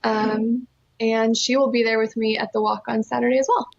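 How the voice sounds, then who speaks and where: Her voice on the high side with a level tone and vocal fry, a Costa Rican-born Californian who raises funds for nonprofits recounts her story as an interview guest, earnest, enthusiastic and emphatic, at a moderate pace. The audio is dull, with crowd noise behind her.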